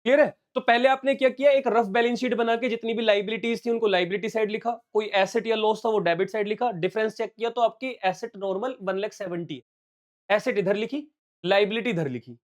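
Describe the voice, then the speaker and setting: A man with a high voice teaches accounts on a live stream. He works the numbers aloud step by step and mixes English terms into his talk. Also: fairly quick. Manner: explains step by step, calls viewers "beta" and "bachche". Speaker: commerce teacher. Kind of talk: solving exam questions on a live stream.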